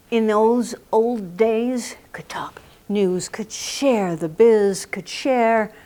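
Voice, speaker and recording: Slow dramatic lady storyteller, lots of hushed whispery bits, live in a studio. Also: mid-range voice. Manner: dramatic, drops often to a whisper. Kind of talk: live folk-tale storytelling.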